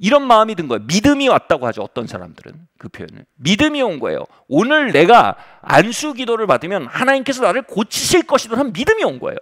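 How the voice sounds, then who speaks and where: Animated, high-pitched male preacher. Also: fast talker, hardly any pauses. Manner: animated storytelling with humor. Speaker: pastor. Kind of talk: revival sermon.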